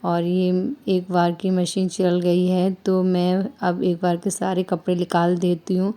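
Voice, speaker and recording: A young mother from India talks through her daily chores in a calm, even voice-over. Her tone is mellow and low, with little rise and fall. She explains each step steadily and circles back to the same points. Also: a little slow, clear, resonant tone. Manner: steady, explanatory, repeats herself often. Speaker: vlogger mother. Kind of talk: calm voice-over narration of a home routine.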